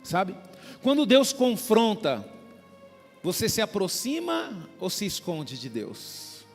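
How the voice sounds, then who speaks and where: Male pastor, sermon delivery, high voice, reverberant church hall with faint music beneath. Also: wildly swooping pitch, slow, creaky. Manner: preaching with small acted-out dialogues and frequent "queridos".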